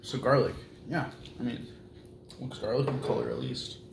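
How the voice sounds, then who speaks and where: A man casually tasting and rating hot sauces, talking in a rambling way with halting restarts. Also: mid-range voice, steady tone. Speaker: taste tester. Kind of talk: casual chat. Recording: roomy with clear background noise.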